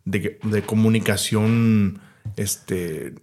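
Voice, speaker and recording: A man in a casual podcast chat, reflecting out loud and searching for words as he goes. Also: lowish voice, takes it slowly, creaky, slight background noise. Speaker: podcast co-host. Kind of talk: casual conversation.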